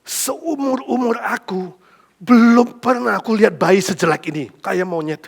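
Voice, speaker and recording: A man's voice: sits high, measured pace, vocal fry, husky, voice pushed up, full character voice. A man voicing a rude male bus driver who blurts out mocking remarks, in a sermon anecdote.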